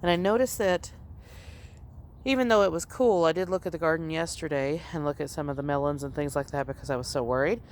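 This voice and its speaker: With frequent ums and an easy, unhurried manner, a low-voiced woman walks viewers casually through an outdoor garden. She sounds a bit congested, as she's still recovering from being ill.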